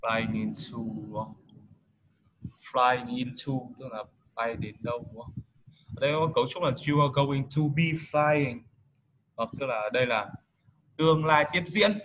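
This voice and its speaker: A man's voice: medium pitch, unhurried, a bit bright. Male group leader walking through vocabulary, lots of fillers, noisy background. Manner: explanatory, frequent filler hesitations. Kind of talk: explaining English vocabulary. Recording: noisy home recording.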